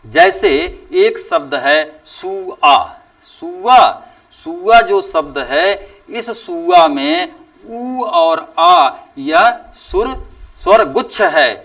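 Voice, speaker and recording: A male teacher giving a classroom lecture, speaking slowly and deliberately and drawing out example sounds with emphatic rises. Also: extremely high pitch, huge pitch swings, gravelly, fairly bright tone, recorded from a distance. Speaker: Hindi teacher.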